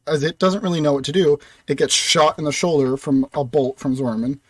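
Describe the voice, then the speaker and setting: A man's voice: on the high side, brisk, no room sound. A young man casually narrating a recap of his tabletop fantasy campaign, with loose phrasing full of "kind of" and "like".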